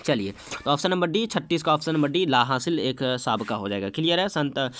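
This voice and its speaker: A man's voice: on the high side, lively intonation, brisk, a bit bright, no echo. A man teaching an exam-prep lesson, repeating terms and putting questions to the class.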